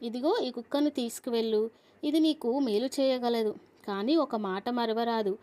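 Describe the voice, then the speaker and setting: A stern but kind water king from a storybook, as a woman narrator puts him on, giving commands and warnings. His voice is somewhat high. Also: normal speed, dark tone, close to an everyday voice. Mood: commanding.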